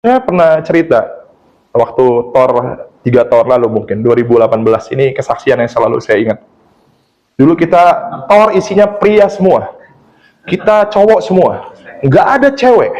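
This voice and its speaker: This male pastor preaches in a church with a mid-range voice at normal speed, the recording's high frequencies cut off. He tells lively stories full of laughter and drops English phrases into his talk.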